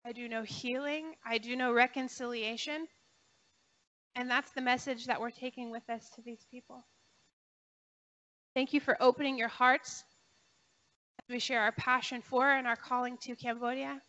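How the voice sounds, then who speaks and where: A woman's voice: a little high, fairly even intonation, normal speed, pauses often, pushed and bright, dull audio. A woman gives a heartfelt church testimony into a handheld microphone. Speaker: missionary speaker. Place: church sanctuary stage. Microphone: handheld mic.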